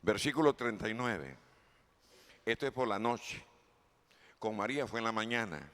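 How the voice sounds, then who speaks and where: A man's voice: on the low side, animated, normal speed, fairly bright tone. A man preaching a sermon as pastor, reading scripture aloud and putting questions to the congregation. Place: church hall. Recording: long hall reverb.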